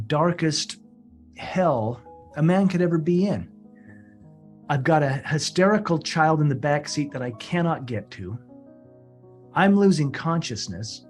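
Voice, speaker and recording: Earnest man with halting, repeated words. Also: on the high side. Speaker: guest telling a personal story. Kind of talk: emotional first-person storytelling.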